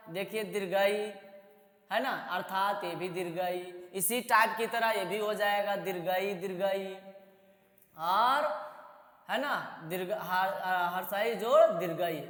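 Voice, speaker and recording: A woman teacher with a somewhat high voice explains grammar to students at a very slow, deliberate pace, stretching out vowels as she drills them. Her voice rings in a roomy space with a long reverb tail. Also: fairly bright tone. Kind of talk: Hindi grammar lesson for school students. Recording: echoey room with long reverb.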